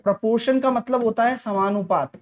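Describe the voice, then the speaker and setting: Soft-spoken Hindi maths teacher with sore throat. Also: male voice, extremely high pitch, fairly even intonation, normal speed. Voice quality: clears throat often, talks softly to spare it. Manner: chatty, teasing, answers viewers' comments. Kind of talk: live online maths class.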